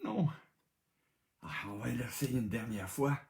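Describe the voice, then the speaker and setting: A man's voice: mid-range voice, measured pace, creaky, a little mellow, echoey room. A man with a Québécois accent hosting a live-streamed game night, laughing often and exclaiming as he reads answers aloud over and over. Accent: Québécois French.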